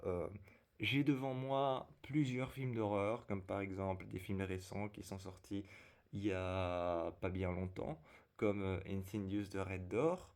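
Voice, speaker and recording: A man talks casually to his viewers as a video creator. His voice sits fairly low and sounds sickly and strained, zombie-like, as with a lung ailment. He goes along haltingly, often hesitating to find the next word. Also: a little mellow. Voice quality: strained, unwell zombie-like voice, not his usual one. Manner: halting, apologetic, hesitant, searching for words. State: ailing voice from a lung problem. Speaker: video creator and fanfiction writer presenting to camera. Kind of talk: casual vlog chat.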